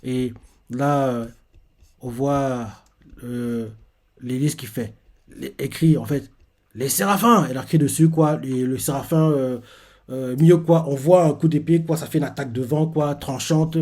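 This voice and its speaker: A man streaming live, recapping a manga chapter in a casual, halting way, full of fillers and restarts. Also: medium pitch, fairly even intonation, mellow. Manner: hesitant, many fillers and restarts, repeats himself while explaining.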